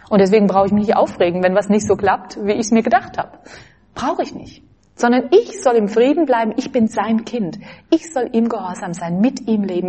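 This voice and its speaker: Husky-voiced woman giving a gentle spiritual talk. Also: medium pitch. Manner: gentle, earnest, quotes saints and scripture, fillers like gell and ne. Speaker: religious speaker.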